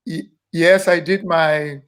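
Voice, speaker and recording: A South African man in his fifties, a minister, telling stories about growing up in a relaxed, self-deprecating way during an interview. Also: fairly high pitch, slow, clear, resonant tone. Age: 50s. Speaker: guest minister. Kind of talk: casual interview reminiscing.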